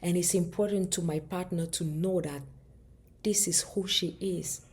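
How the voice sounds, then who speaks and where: Low, husky-voiced woman, earnest and reflective. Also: fairly even intonation, unhurried. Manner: earnest, thoughtful, with frequent restarts and dropping to soft near-whispers. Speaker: relationship vlogger. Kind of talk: reflective personal talk to camera.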